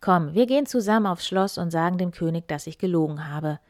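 A woman voicing a boastful old miller who talks loudly and quickly. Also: on the low side, lively intonation, no echo, lightly acted. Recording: dry close recording.

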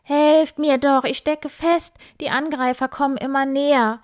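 A woman voicing a proud male wild boar innkeeper in a children's story, loud and squealing. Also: medium pitch, a little slow, no echo, clean studio sound, lightly acted. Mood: panicked.

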